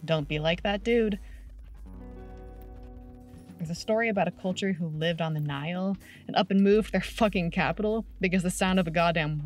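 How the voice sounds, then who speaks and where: A woman giving a brash, sardonic, heavily profane comedic reading of a modern paraphrase of old letters. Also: on the low side. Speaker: reader.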